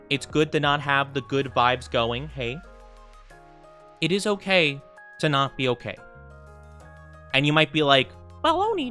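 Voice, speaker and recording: Chatting casually as a live VTuber game streamer, a man uses a cute, upbeat anime-streamer delivery and often repeats his phrases. His voice is mid-range with a sharp tone, and music plays beneath it.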